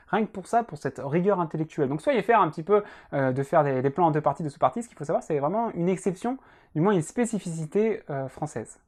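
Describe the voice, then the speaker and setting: A man's voice: on the high side, darkish tone. A young man in casual commentary, reacting to student jokes as a law teacher, chatty and self-mocking, with many fillers. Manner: chatty, self-mocking, frequent "euh" and "hein".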